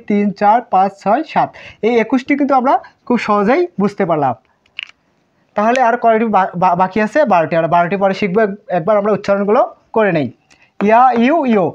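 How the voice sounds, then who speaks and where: Woman teacher going over syllables again and again, patient, mid pitch, kinda muffled recording. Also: darkish tone. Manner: patient, repeats syllables, thinks aloud while writing. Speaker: Japanese language teacher. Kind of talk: whiteboard lesson, slow drilling of syllables.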